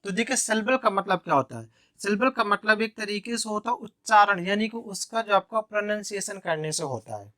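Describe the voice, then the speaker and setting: A man's voice: high-pitched, a bit bright, dry recording, clean studio sound. A male teacher explaining an English grammar lesson in Hindi, step by step, with frequent repetition of key points.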